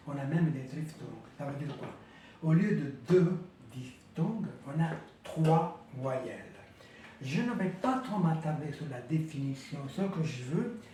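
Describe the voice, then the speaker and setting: A man teaching a language lesson, saying example words slowly and repeating them carefully. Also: on the high side, darkish tone, a little hiss or hum. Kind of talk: slow language lesson for French speakers. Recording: echoey room, voice from a distance.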